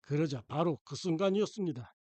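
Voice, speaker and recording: A man narrating a short story for an audiobook in a calm, measured storytelling manner into a close mic. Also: a little high, no echo.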